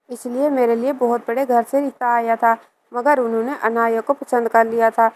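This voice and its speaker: A woman narrates a scripted first-person story in a steady, even manner. Her voice sits somewhat high, and she keeps one reading pace throughout. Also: a little hiss or hum, poor audio.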